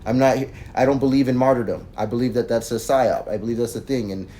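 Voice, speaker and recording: A man's voice: medium pitch, fairly even intonation, quick pace, dark tone, slight background noise. A man hosting a casual spiritual chat, talking in a preachy, blunt and slangy way. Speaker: podcast host.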